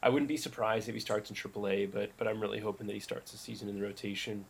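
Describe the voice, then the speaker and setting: Gravelly-voiced man chatting casually. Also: fairly low pitch, fast, a little hiss or hum. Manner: relaxed, many fillers and restarts. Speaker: podcast co-host. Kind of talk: casual sports chat.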